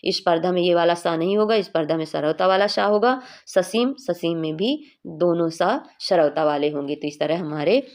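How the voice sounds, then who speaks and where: A woman's voice: on the low side, normal speed, hardly any pauses, darkish tone. A young woman teaching a Hindi exam revision class, explaining each answer patiently and often checking in with her students.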